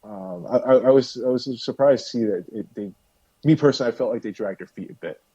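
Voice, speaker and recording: A man's voice: medium pitch, a little fast, mellow, slightly rough, no echo. A man hosting a casual podcast discussion, talking in a rambling way with many restarts. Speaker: podcast host. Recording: dull dry lo-fi audio.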